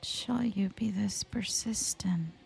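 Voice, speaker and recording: A woman's voice: on the high side, steady tone, unhurried, creaky, warm tone. A woman voicing a cold, devoted female cult follower in a whispered role-play, curt and formal.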